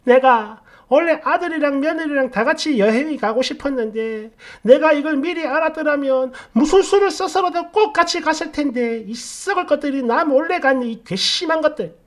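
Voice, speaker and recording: A shrill, nagging older mother-in-law, put on by a woman narrator, pitched well above her usual voice and thinner in tone. She scolds loud and fast, swinging wildly in pitch, a storybook villain of the family. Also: lively intonation. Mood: aggrieved. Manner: scolding, wailing, shouting.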